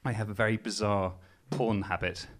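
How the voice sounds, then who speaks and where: This young adult Geordie comic from Newcastle, England, speaks at a moderate pace in a lowish, somewhat bright voice, with slight background noise. His stand-up set is casual, self-deprecating and halting, peppered with ums, while a live audience laughs.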